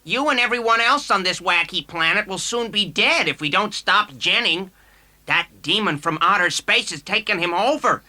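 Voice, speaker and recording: A very sharp, forceful voice for a grumpy, sardonic duck hero in a children's read-along story. He is brash and wisecracking, a small alien bird with plenty of attitude. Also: high voice, expressive, moderate pace, exaggerated voice. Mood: urgent, irritated. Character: Howard, wisecracking grumpy male talking duck from another planet.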